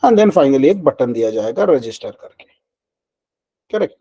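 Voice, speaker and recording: Male coding instructor, warm mellow tone, chatty, answers his own questions. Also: medium pitch, sing-song, unhurried, slightly rough, poor audio. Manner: mixes Hindi and English, asks and answers his own questions; conversational, frequent fillers like "ठीक है" and "ना". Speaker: programming instructor. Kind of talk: screen-recorded coding lesson.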